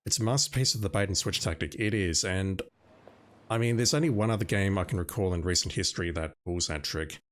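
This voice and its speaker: Deep-voiced but fairly bright in tone, the streamer talks a little fast. He's a man whose first language is Russian, idly narrating his gameplay with music playing underneath.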